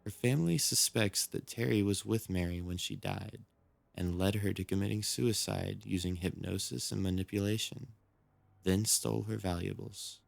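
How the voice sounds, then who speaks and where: Low, gravelly man narrating dark mysteries. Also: fairly even intonation, normal speed, no room sound. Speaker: narrator of a creepy mystery series. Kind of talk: scripted true-crime horror narration. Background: background music.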